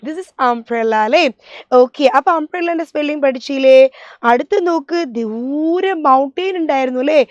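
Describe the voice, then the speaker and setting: A woman's voice: high-pitched, moderate pace, dry recording, highs cut off. A young woman teacher, coaxing small children through a spelling lesson and spelling words out letter by letter in a sing-song way.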